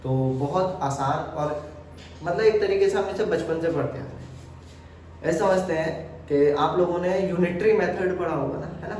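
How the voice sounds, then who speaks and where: A man's voice: sits high, normal speed, a little mellow, a little hiss or hum. A man teaching a chemistry lesson, asking the class questions and answering them himself. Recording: echoey room, mic far off.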